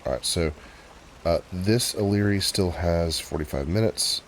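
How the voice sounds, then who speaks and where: A man hosting a video game walkthrough, explaining casually as he plays, with relaxed pacing and frequent filler pauses. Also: low voice, a little hiss or hum. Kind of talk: casual gameplay commentary.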